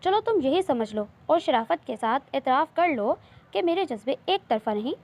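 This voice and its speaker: A woman's voice: high voice, big pitch swings, moderate pace, a little mellow. A woman reading a romance novel aloud, voicing a playful, insistent young man who courts his cousin. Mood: teasing, tender. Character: teasing, loving young man, cousin and suitor.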